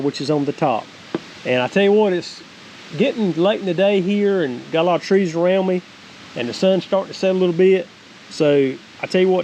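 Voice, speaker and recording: A homestead vlogger, a man in his forties with a Southern US accent, reviews a product in a casual, folksy, wandering way. His voice is a little high and the recording is low quality. He's outdoors at a wooded creek, then on a cabin deck, with a clear steady hiss behind him.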